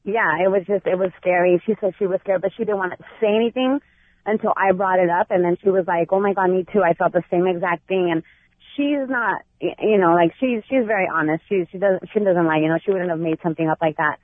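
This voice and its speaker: A woman's voice: lowish voice, dry recording. Earnest woman caller on phone line. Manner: earnest, halting with fillers. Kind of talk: telling a personal story.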